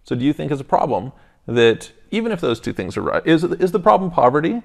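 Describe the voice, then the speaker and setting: A man's voice: on the high side, sing-song, fast, gravelly, a little mellow. A man in his thirties, co-hosting a podcast in casual debate, reasoning thoughtfully in steps with frequent restarts, on a lapel mic in a studio lounge. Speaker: podcast co-host. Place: studio lounge set with armchairs.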